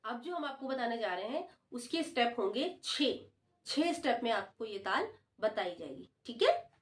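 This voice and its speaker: A woman's voice: fairly high pitch, sing-song, normal speed, a little hiss or hum. A woman teaching the dholak online, patiently explaining and counting beats aloud. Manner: patient, repeats counts loudly while drumming. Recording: dholak drumming behind the voice.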